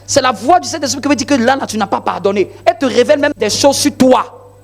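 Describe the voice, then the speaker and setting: A man's voice: very high-pitched, fast, vocal fry. A male pastor delivering a sermon in an emphatic, repetitive preaching style full of rhetorical questions.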